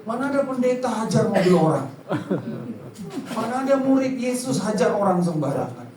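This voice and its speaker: Male pastor, playful sermon delivery with quick mimicked asides; distant mic, roomy hall. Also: high-pitched, very animated, background noise. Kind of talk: lively preaching with acted-out anecdotes.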